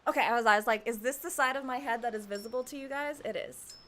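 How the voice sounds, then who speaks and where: A woman livestreams a game, chatting casually and playfully with her viewers over the gameplay. Her voice is a little high and a bit bright, and she talks fast.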